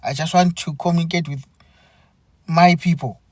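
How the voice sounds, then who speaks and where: A man hosting a live stream, speaking in an earnest, halting way and often repeating himself. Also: fairly high pitch, steady tone, darkish tone, dry recording, clean studio sound. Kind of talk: unscripted live commentary.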